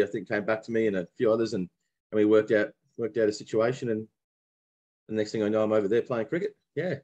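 A young adult man from Brisbane with an Australian accent, chatting casually as a podcast guest and telling stories with friendly slang and plenty of restarts. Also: on the low side. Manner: relaxed storytelling with mateship slang and many restarts. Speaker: guest, former professional cricketer.

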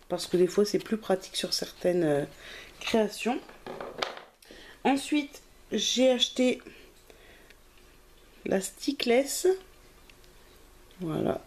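A woman's voice: medium pitch, dark tone. A woman chatting casually through a craft haul video, self-deprecating and often hesitating. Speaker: craft vlogger.

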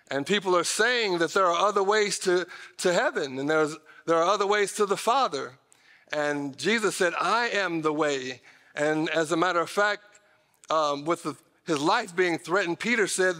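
A fairly high-pitched, pushed, bright voice comes from a middle-aged American pastor preaching a sermon. He talks to his congregation directly in an emphatic, conversational manner with folksy asides. The recording is made from the stage of a large indoor church auditorium, so the hall sound reverberates.

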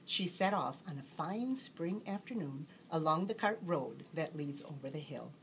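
A woman narrates a bedtime story in a low-pitched voice with lively, swinging intonation. Her storytelling is expressive, and there is faint noise in the background. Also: moderate pace, poor audio.

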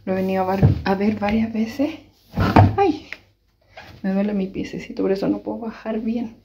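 A woman's voice: medium pitch, little pitch movement, fast talker, mellow. A Chilean woman chatting casually to her viewers in a home cooking vlog from her kitchen. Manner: chatty, addresses viewers directly and often. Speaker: vlogger.

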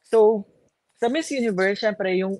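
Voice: medium pitch, slow pace, darkish tone, dry recording. A chatty host in casual talk about pageants, giggling often between phrases. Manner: chatty, giggly, mixes English and Filipino. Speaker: vlog host. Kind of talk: casual pageant chat in Taglish.

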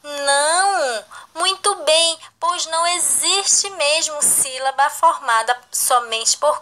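A woman teaching a recorded lesson to young children, slow and cheerful, praising answers. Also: high voice, sharp tone. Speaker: primary school teacher.

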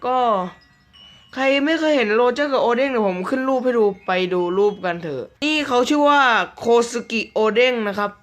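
A man chatting casually through mobile game news, joking around and reading out English slowly word by word. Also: extremely high pitch, expressive, fairly bright tone. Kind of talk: casual commentary.

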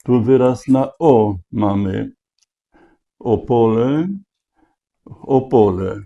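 A man thinking aloud as he solves a crossword, slowly spelling out letters and checking each word. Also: medium pitch, creaky. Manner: slow, deliberate, spelling out letters. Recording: dull lo-fi recording.

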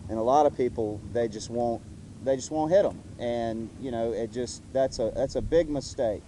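On a boat on a lake, a middle-aged fishing instructor with a mellow, medium-pitched voice talks at normal speed, explaining fishing tips step by step. He's easygoing and restarts as he goes. A camera mic a few feet away catches him over wind and water noise.

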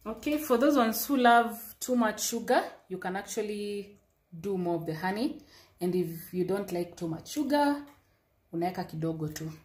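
A woman's voice: medium pitch, lively intonation, moderate pace, roomy sound. A young woman co-hosting a home cooking vlog, speaking straight to her viewers and mixing Swahili into her English. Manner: addresses viewers as "guys", mixes Swahili into English. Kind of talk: casual cooking demonstration. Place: home kitchen, indoors.

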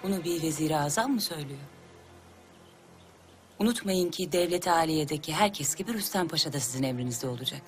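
Low-voiced imperious sultana. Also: female voice, lively intonation, fast, soft background music. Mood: stern. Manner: commanding, formal. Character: imperious, composed Ottoman sultana. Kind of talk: period television drama acting.

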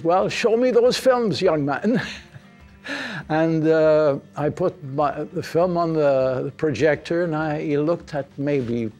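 A man who works as a cinematographer, recalling with chuckles how he started out. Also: fairly high pitch. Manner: chuckling, unhurried recollection. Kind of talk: interview reminiscence.

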